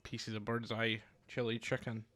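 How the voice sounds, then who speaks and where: A man hosting a casual cooking livestream from his home kitchen, rambling in a relaxed way and talking while he eats. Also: lowish voice, normal speed. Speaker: cooking stream host.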